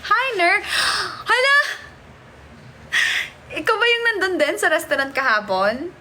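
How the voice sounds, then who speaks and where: A woman's voice: very high-pitched, sing-song, slow, pushed and bright, a little hiss or hum. A woman hosting a casual live stream from a hotel, chatting and greeting viewers as she reads their comments. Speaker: livestream host. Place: hotel room.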